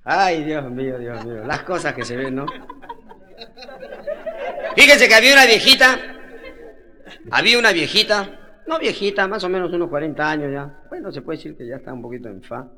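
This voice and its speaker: A man with a Peruvian Spanish accent telling street jokes as a comedian, in rapid slang, acting out the characters and laughing along. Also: fairly high pitch, lively intonation, pushed and bright, slight background noise, rough recording. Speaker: stand-up comedian.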